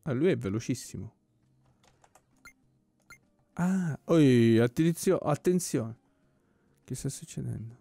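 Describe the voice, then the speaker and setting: A man giving casual let's-play commentary, relaxed and puzzled, with joking asides about what happens on screen. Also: medium pitch, takes it slowly, vocal fry, long pauses, slightly rough. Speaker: gameplay commentator. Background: soft game music.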